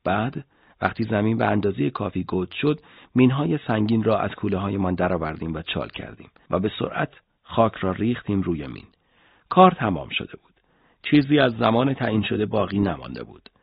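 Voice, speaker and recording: Brief: male narrator reading a first-person story at a steady pace, raspy tone, dry dull recording. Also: on the low side, dry recording. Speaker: audiobook narrator.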